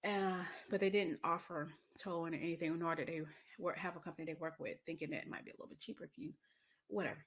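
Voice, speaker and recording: A woman's voice: on the low side, steady tone, fast. A middle-aged woman hosts her podcast, telling a story in a casual, chatty way with plenty of asides and laughter. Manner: chatty, laughs often, lots of fillers and asides. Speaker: podcast host.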